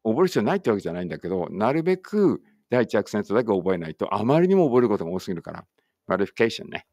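A man with a low, gravelly voice reads vocabulary aloud as an English teacher whose first language is Japanese, one word at a time. The sound is dry and close. Between items he slips into easy, chatty asides. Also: no room sound. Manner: deliberate word-by-word drill reading with chatty asides. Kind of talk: reading vocabulary aloud with explanations.

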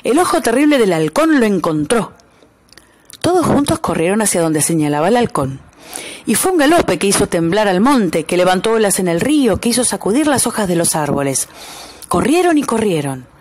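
A woman narrating a children's story aloud in a lively way, changing her voice for each animal that speaks. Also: moderate pace. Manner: lively, shifts pitch for each animal's lines.

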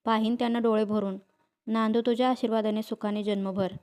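A devout mother prays in an earnest, imploring way, as a woman reads her part. Her voice is a little high and stays in a narrow range. This is a storybook reading. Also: level tone, a little fast, a little mellow, smooth, natural voice. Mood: imploring prayer. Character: devout young mother praying for her husband.

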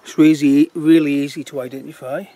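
In this handheld phone clip, a middle-aged man casually demonstrates foraging in the woods, pointing things out while digging. He talks briskly in a mellow voice on the high side with little pitch movement, and there's no echo.

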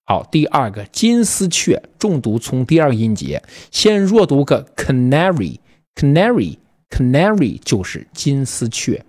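Lively man teaching English bird words. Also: mid-range voice, dry recording, studio quality. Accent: Mandarin Chinese. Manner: lively, addresses students, repeats words slowly. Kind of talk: casual online vocabulary lesson.

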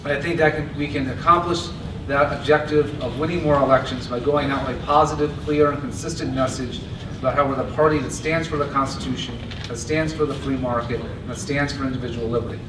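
A man giving a steady, earnest convention stump speech at a podium microphone. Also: medium pitch, fairly quick. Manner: earnest, steady delivery with occasional restarts. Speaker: party chair candidate. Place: large convention hall, indoors. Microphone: podium mic on stand. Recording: echoey hall from a far camera with noise.

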